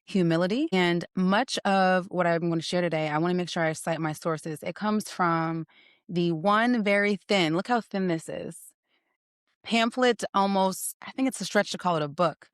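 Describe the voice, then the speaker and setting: Playful woman podcast host, low voice. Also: normal speed, no room sound, studio quality. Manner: playful, teasing, laughs often. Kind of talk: casual interview chat.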